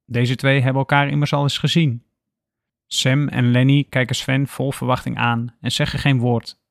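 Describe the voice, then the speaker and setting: A man narrating a scripted story in a calm, even storytelling manner. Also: mid-range voice, moderate pace, creaky, dry recording, studio quality.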